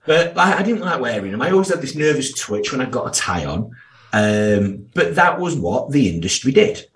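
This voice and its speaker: A man's voice: mid-range voice, big pitch swings, moderate pace, a bit bright. A man in his thirties with a strong Yorkshire accent, talking candidly as an interview guest in a blunt, down-to-earth, slangy way. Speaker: podcast guest, financial services professional.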